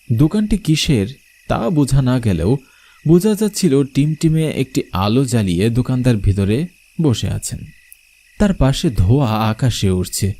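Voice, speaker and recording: A man with a medium-pitched, dark-toned voice narrates a scripted horror story in the first person. His delivery is dramatic, theatrical and suspenseful.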